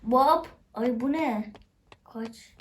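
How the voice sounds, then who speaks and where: A woman's voice: high-pitched, drawn-out words. A woman hosting a channel, chatting to viewers with frequent exclamations as she plays a game. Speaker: gamer, channel host. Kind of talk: excited game commentary. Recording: faint background noise and clicks.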